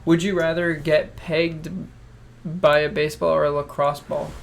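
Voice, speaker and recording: A man's voice: fairly high pitch, level tone, measured pace, vocal fry, background noise. A young man co-hosting a casual podcast, blunt and joking, with casual slang. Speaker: podcast co-host. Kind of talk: casual chat.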